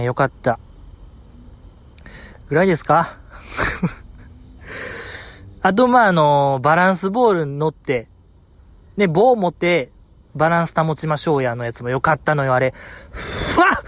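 Young male host, Kansai accent, casual solo chat; lively, swooping delivery with put-on high quotes. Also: no room sound. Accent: Kansai Japanese. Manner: animated, laughing, acting out quotes in a high voice. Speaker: podcast host. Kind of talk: solo casual chat about a variety show.

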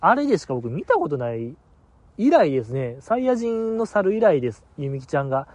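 A man's voice: fairly high pitch, big pitch swings, a little fast, no room sound. Sleepy rambling man. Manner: rambling, self-mocking, sleepy. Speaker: podcast host. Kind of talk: casual solo podcast chat.

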